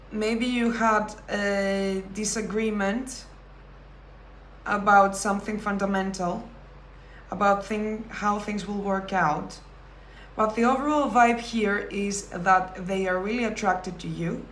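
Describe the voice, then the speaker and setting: A woman giving a pick-a-card tarot reading, talking thoughtfully with pauses and self-corrections. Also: medium pitch, fairly even intonation, fairly bright tone, roomy sound, a little hiss or hum. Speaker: tarot reader.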